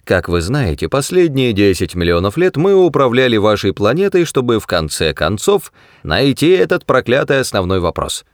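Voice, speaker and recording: Man doing a high little mouse, curt, cold, dismissive, lively pitch. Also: moderate pace, no room sound, studio quality, lightly acted. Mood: lecturing.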